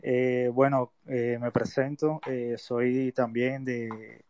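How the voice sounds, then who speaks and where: A man's voice: medium pitch, little pitch movement, slow, a little mellow, dry recording. A man with a Colombian Caribbean coast accent, calling in to a live talk and speaking hesitantly. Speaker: caller.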